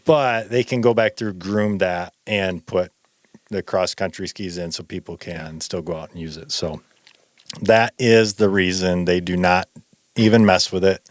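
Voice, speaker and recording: A man, co-hosting a running podcast in casual chat, relaxed and rambling, often laughing. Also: low-pitched, measured pace, no echo, clean studio sound. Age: 40s. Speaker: podcast co-host.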